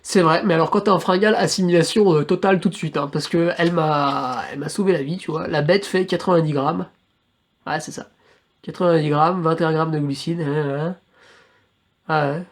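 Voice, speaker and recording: A man's voice: a little high, steady tone, moderate pace. A young man, a trail runner, recounting his race in a casual, slangy and crude storytelling manner.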